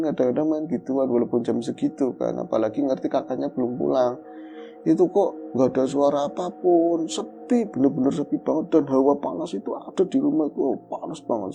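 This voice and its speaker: A man telling a true horror story in casual chat, animated as he acts out his own calls and growls. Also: a little high, brisk, vocal fry, soft background music. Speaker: guest storyteller.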